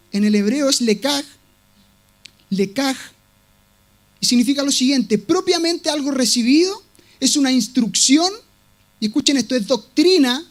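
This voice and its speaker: A man preaching a sermon in a strikingly high voice. He is emphatic and insistent, circling back to the same words to drive each point home. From Latin America. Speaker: pastor.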